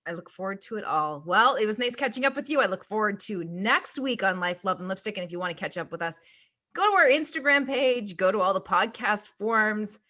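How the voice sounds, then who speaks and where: Woman co-host, chatty and laughing, bright voice with a lively, swooping delivery. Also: mid-range voice, a little fast. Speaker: podcast co-host. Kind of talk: casual chat.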